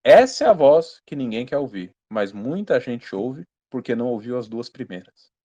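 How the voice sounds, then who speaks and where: A Brazilian man preaching a sermon, emphatic and direct, sometimes speaking hard and sometimes dropping to a low, quiet storytelling tone. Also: sing-song, moderate pace, dull audio.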